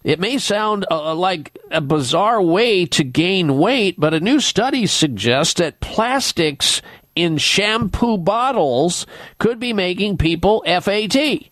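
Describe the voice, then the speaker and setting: A man hosting a radio health show, advising and explaining with pauses and repeated words. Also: high-pitched, expressive, a bit bright, dry recording.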